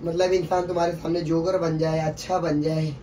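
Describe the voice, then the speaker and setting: A man's voice: on the high side, level tone, normal speed, warm tone, far from the mic, a little hiss or hum, poor audio. A young man nagging his girlfriend in a casual vlog, pleading and making playful mock threats. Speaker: vlogger pranked by girlfriend. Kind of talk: casual couple vlog banter.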